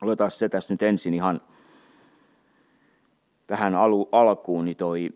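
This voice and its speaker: A man teaching from the Bible in an unhurried way, reading scripture aloud between his own remarks. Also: low-pitched, fairly even intonation, a little mellow. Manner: unhurried, many fillers and restarts, reads scripture aloud. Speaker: preacher.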